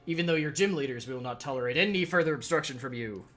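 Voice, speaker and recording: A man reading as a solemn old villain sage, slow grandiose speech, bright tone, soft game music behind. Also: medium pitch, lightly acted. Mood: menacing.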